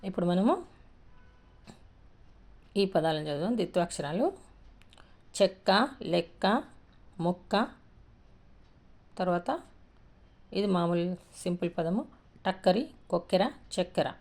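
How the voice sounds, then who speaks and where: A woman teaching a lesson, reading words aloud slowly and stretching out each syllable as she explains. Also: fairly low pitch, expressive, darkish tone. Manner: slow, drawn-out syllable-by-syllable word reading.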